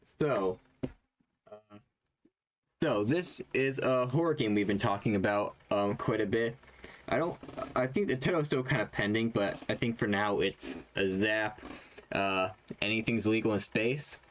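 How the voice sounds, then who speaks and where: A man co-hosting a casual gaming podcast who talks haltingly, stumbling and restarting. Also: on the low side. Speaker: podcast co-host. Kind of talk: casual chat.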